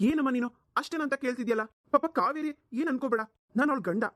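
A woman's voice: sits high, rapid-fire, fairly bright tone, no echo. A flustered young husband pleads and defends himself at breakneck speed, voiced by a woman. The cartoon voice sounds dry and close. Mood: pleading. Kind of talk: cartoon voice acting.

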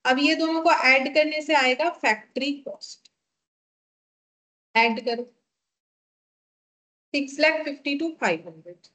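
Indian woman teacher, high voice, slow dictation, asks and answers her own questions. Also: sharp tone. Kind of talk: step-by-step classroom lesson.

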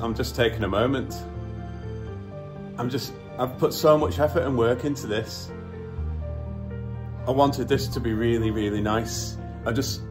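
A man in his forties talks into a phone he holds at arm's length in a workshop. His voice sits fairly low, and he gushes and stumbles over his words, full of feeling. Faint music plays underneath. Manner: emotional, gushing, halting restarts. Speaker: kayak builder. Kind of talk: casual selfie vlog. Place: indoor workshop.

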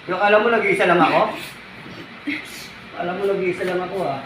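High-voiced man acting as a folk healer, firm and scolding, repeating commands again and again. He is heard from a distance in an echoey space with loud background noise. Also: a little fast. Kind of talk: ritual healing commands. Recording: echoey, distant, noisy ambience.

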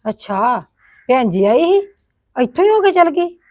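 A woman's voice: high-pitched, very animated, a little slow, warm tone, no echo. A middle-aged woman acting a complaining widowed sister-in-law in a village family drama. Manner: complaining, scolding tone.

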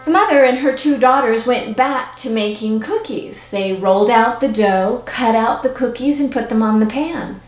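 A woman telling a folktale in an animated, expressive way, now and then slipping into song. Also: a little high, normal speed, hardly any pauses, faint music behind. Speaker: storyteller. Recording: roomy with faint autoharp.

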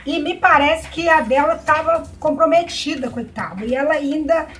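A Brazilian woman showing off plants she received, gushing with excited exclamations as she talks casually to her viewers. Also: high voice, normal speed. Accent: Brazilian Portuguese. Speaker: plant vlogger. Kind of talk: casual unboxing chat.

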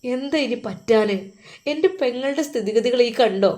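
A woman's voice: on the high side, normal speed, darkish tone, close to an everyday voice. A woman voicing an angry older brother who presses bitter, accusing questions, with a Malappuram Malayalam accent.

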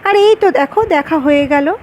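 A woman's voice: high voice, moderate pace, darkish tone, a little hiss or hum, close to an everyday voice, low-quality recording. Woman reading as a wistful, teasing woman in love. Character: grown woman, wistful lover, playful and stubborn.

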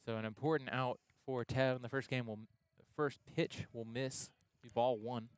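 A young man calling a college baseball game play-by-play, chatty and loose, getting excited on big plays, with the hiccups. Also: medium pitch, moderate pace, clean tone, no room sound. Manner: conversational, excited on big plays, self-correcting. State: has the hiccups. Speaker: play-by-play announcer.

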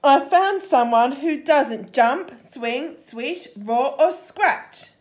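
A woman voicing a sleepy, fussy little female ladybird who complains in slow, drawn-out words. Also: sits high, lively intonation, pitched above the performer's own voice, exaggerated voice. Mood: relieved.

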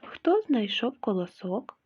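A woman teacher reading a fairy tale aloud to young children in an expressive storytelling manner. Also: fairly high pitch, slow pace, breathy edge. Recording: tinny phone-like sound.

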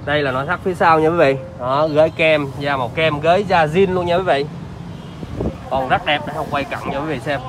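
A southern Vietnamese man with a fairly high voice delivers a used car salesman's pitch. He talks off the cuff as he shows a vehicle, often addressing and reassuring his viewers. Clear outdoor car lot noise sits behind him, as on a handheld phone recording. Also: brisk. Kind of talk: improvised car walkaround sales presentation.

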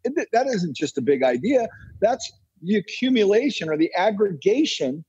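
A high, very animated male voice at a moderate pace, a little mellow and husky, comes through with lo-fi sound. He's an American entrepreneur and author from the United States, a podcast guest giving insistent, opinionated interview answers and repeating phrases for effect.

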